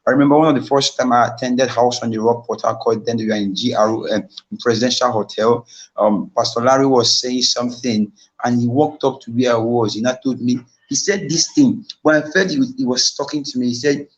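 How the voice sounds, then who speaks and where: A man's voice: medium pitch, low-quality recording. A young man with a Nigerian accent giving a motivational talk on a live stream, telling his own story earnestly and repeating key points to his audience. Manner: earnest, repetitive storytelling, addresses the audience directly. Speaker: invited speaker.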